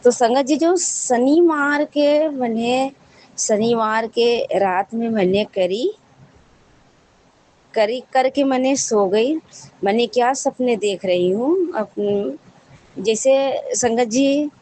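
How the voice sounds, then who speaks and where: A woman's voice: on the high side, a little mellow, poor audio. Woman rambling through a devotional testimony. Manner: rambling, repetitive storytelling with frequent restarts.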